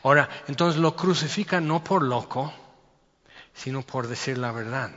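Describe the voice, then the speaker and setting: A male preacher with a Mexican accent gives a sermon, reading scripture and unpacking it in a relaxed, conversational way with questions to his listeners. His voice carries a long hall reverb. The recording sounds dull and lo-fi. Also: medium pitch, normal speed. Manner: conversational, explains verses with rhetorical questions.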